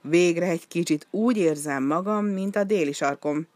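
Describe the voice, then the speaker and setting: A woman's voice: on the low side, a little mellow, no echo, natural voice. A woman voicing a small, polite male penguin with a pleading, apologetic manner. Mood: relieved.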